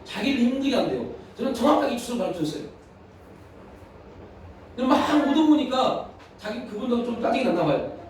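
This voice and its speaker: A man's voice: extremely high pitch, big pitch swings, brisk, pauses often, darkish tone, slight background noise. A man preaching a sermon as pastor, earnestly telling a personal story. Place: church sanctuary. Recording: echoey hall from far off.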